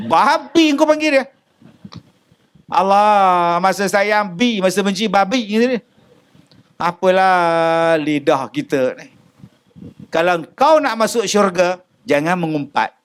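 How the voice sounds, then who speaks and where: A man with a Malaysian Malay accent giving a comic religious lecture to a congregation, acting out quick dialogues between characters. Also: sits high, lively intonation, clear, resonant tone. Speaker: preacher.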